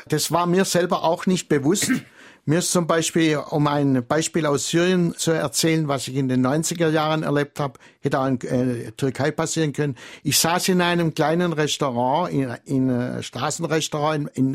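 A man speaking as an expert guest on a radio call-in, explaining in a measured, lecturing way. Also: on the high side, steady tone.

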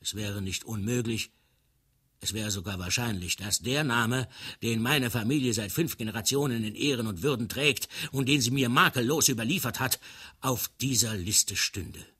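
A man's voice: mid-range voice, moderate pace, sharp tone, husky. A man voicing a panicked young soldier who dreads going to war, pleading in a theatrical, long-winded way. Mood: agitated. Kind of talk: dramatic literary reading.

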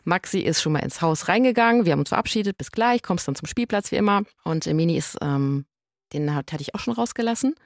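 Woman in her 30s chatting on a podcast, lively storyteller, low-ish voice, dry sound. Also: fast, no echo. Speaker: podcast co-host. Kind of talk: casual chat.

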